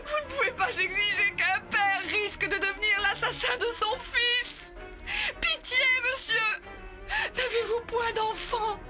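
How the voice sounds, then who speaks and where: A desperate mother begs for mercy, as a woman plays her, crying as she pleads. Her voice is very high and slow, breaking with tears. Music swells under the storybook reading. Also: fairly even intonation. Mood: pleading. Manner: imploring, pleading.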